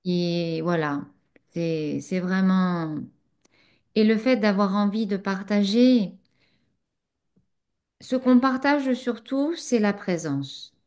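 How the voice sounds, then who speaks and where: This woman, a spiritual teacher for whom French is not a first language, speaks in a mid-range, slightly mellow voice while answering a student at a satsang. She reflects as she goes, pausing often and using fillers.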